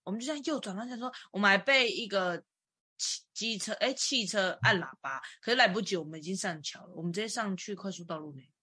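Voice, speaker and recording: Casting: woman, podcast co-host, bright and husky, animated storyteller. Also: fast, no echo, studio quality. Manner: animated storytelling, jumps in pitch when retelling panic. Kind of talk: casual chat.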